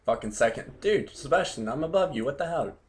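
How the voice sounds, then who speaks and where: Teasing young gamer guy, animated voice. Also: fairly high pitch, brisk. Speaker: gamer recording the session. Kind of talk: casual multiplayer game chat. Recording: faint background noise.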